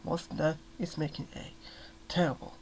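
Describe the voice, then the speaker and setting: A man voicing a young man, a cold and absent father who says threatening things in a soft, low voice, in a soft-spoken ASMR reading. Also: flat delivery, moderate pace, slight background noise, lightly acted. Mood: cold, quiet.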